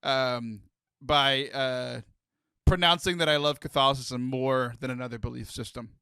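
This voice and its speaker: A man's voice: medium pitch, fairly even intonation, moderate pace, sharp tone, clean tone, no room sound, clean studio sound. A young man hosting a casual podcast chat, joking and talking with lots of fillers and restarts. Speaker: podcast host.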